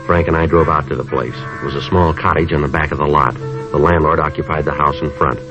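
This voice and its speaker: An actor playing a calm, businesslike police sergeant, clipped and matter-of-fact, in a 1950s radio drama. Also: male voice, extremely low pitch, a little fast, over music. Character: calm, businesslike male police sergeant, persistent questioner and narrator. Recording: muffled vintage radio recording.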